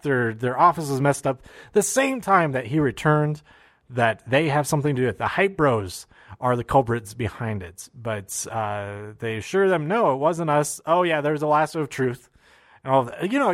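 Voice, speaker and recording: A man talks through the week's wrestling in a loose, rambling way, full of fillers and restarts. His pitch sits right in the middle for a man. The sound is dry and close, with no room around it. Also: fairly bright tone, no echo. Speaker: wrestling recap host. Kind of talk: casual spoken recap.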